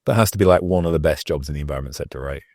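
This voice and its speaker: A man's voice: very deep voice, rapid-fire, darkish tone, no echo, studio quality. A man hosting a casual interview podcast, asking eager, chatty questions. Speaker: podcast host.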